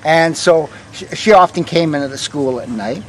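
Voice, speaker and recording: An older man with a fairly high voice works as a walking tour guide, telling local stories in a conversational, halting way. His phrases often trail off softly. He is recorded outdoors, with faint street noise behind him. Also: lively intonation. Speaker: ghost walk guide, former vice principal. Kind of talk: live storytelling to a walking tour group.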